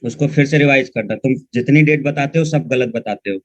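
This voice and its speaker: A man's voice: medium pitch, fairly quick, no room sound. A male history teacher giving an online lecture, talking informally and scolding his students as he explains. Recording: dull, dry, muffled sound.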